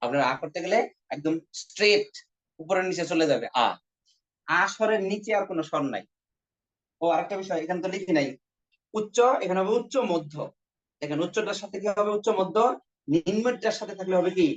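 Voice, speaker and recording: A man's voice: high voice, brisk. A man teaching an exam-prep grammar lesson with a Bangladeshi Bengali accent, repeating points and sounding out vowels for his students. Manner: repetitive, coaxing, demonstrates vowel sounds aloud. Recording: dull lo-fi recording.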